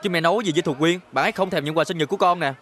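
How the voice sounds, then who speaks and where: A man's voice: fairly high pitch, rapid-fire, a bit bright, close to an everyday voice. A man playing an eager lovestruck young man. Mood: sulky. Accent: Southern Vietnamese. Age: young adult. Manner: eager, boyish pleading.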